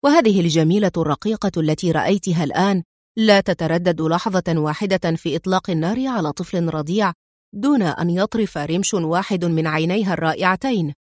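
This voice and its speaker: A woman voicing a calm, sardonic male secret agent who talks in a dry, mildly mocking way, in a storybook reading. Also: lowish voice, fairly quick, no room sound. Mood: wry.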